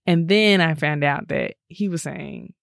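A woman's voice: low voice, a little slow, creaky, no room sound, clean studio sound. A woman co-hosting a podcast in casual chat, telling stories with lots of "like" and acted-out quotes. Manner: animated storytelling, acts out quoted dialogue, frequent "like".

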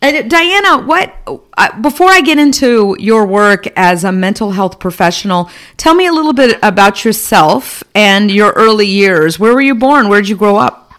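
A woman's voice: mid-range voice, lively intonation, moderate pace, fairly bright tone. A woman hosting a podcast, asking questions in a friendly, enthusiastic way. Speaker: podcast host. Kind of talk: podcast interview.

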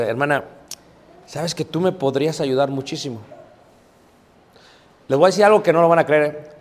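Man preaching in a reverberant hall. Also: on the high side. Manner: informal, repeats himself, many "eh" fillers and "¿ok?" checks. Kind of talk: conversational Bible class sermon. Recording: long reverb of a large room.

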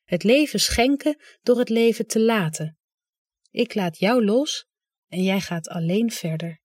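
An audiobook reader voicing a clingy, fussy middle-aged mother who speaks softly with pointed remarks. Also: medium pitch, animated, unhurried, no room sound, clean studio sound, voice pushed up. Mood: wistful.

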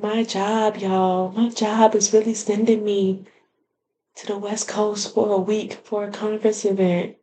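A woman hosting her own podcast, chatting casually and excitedly to her listeners with lots of fillers and laughter. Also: mid-range voice. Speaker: podcast host. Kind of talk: casual solo podcast update.

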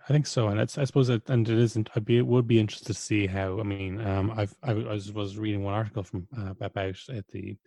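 A man who speaks Irish talks things through in casual conversation, his deep, warm voice touched with vocal fry. He's thoughtful but hesitant, full of restarts and fillers, and the recording has no echo.

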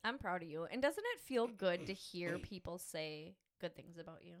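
A woman's voice: lowish voice, animated, normal speed. A woman co-hosting a casual family podcast as a mother, talking in a playful, teasing and encouraging way.

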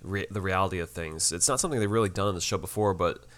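Male podcast co-host, easygoing, laid-back episode recap, lowish voice, laughs easily. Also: quick pace, fairly bright tone. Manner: easygoing, says "man" a lot, laughs. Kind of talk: casual chat recapping a TV episode.

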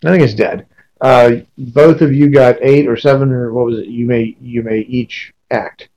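A man runs a tabletop role-playing game as game master. His mid-pitched voice describes scenes haltingly, assembling them piece by piece as he talks. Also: fairly even intonation, mellow, muffled recording.

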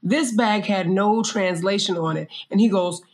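A woman from Chicago chatting casually, animated and full of asides. She tells everyday mishaps as comic stories and mimics the people in them. Her voice sits at an ordinary pitch. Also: normal speed. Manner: animated storyteller, acts out quoted voices. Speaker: guest. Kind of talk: casual chat. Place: abroad, living in Thailand.

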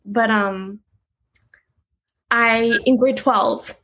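A woman's voice: on the high side, fairly even intonation, very slow, fairly bright tone, low-quality recording. Chatty young woman musician on a call. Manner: chatty, uses "like" a lot, laughs easily. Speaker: guest musician. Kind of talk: casual interview answers.

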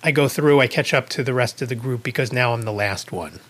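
A man's voice: medium pitch, brisk, a bit bright. Rambling man telling a podcast story. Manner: rambling, self-correcting, with chuckling asides. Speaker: podcast host. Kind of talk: casual storytelling monologue.

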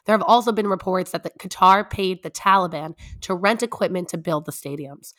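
A young woman co-hosting a conversational podcast, with a hoarse, raspy voice that is nearly lost from a cold. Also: on the low side, brisk, a bit bright. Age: young adult. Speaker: podcast co-host.

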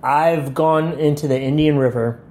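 Man, podcast host, a bit high-pitched, easygoing chatter. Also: fairly even intonation, moderate pace, a little mellow, slight background noise. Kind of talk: casual chat.

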